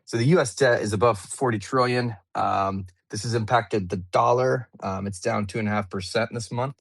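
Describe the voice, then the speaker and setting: A man hosting a live online audio panel, chatty and relaxed, with frequent fillers and restarts. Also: lowish voice, normal speed, creaky, no room sound, clean studio sound. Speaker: host. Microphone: remote audio call.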